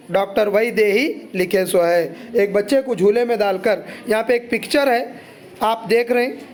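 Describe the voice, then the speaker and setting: High-voiced man, teaching. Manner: chatty, explains line by line with asides. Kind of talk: explaining a poem to students.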